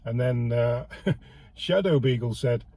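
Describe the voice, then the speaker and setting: A British man from the United Kingdom hosts a casual political commentary show, his voice medium-pitched, warm and measured, with no echo. He's heated and sarcastic, stumbling over and repeating words as he goes.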